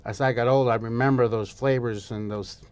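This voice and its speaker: A middle-aged Salvadoran man appears as a guest chef in a casual interview, speaking in a smooth, steady mid-range voice at a brisk pace. He's chatty, using plenty of fillers and often restarting his sentences.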